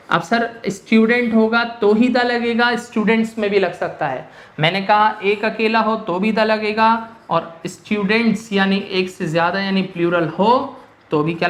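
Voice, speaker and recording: A man's voice: high-pitched, a bit bright. A male English grammar teacher lecturing in a mix of Hindi and English, posing rhetorical questions and answering them himself. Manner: switches between Hindi and English mid-sentence. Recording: echoey room with faint noise.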